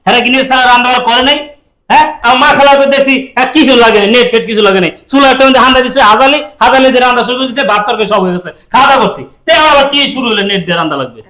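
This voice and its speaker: A man's voice: very high-pitched, very fast, sharp tone. An actor playing an indignant husband who complains that his wife won't cook. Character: hungry, indignant rural husband. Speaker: actor in a village comedy skit. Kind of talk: skit acting. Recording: echoey room.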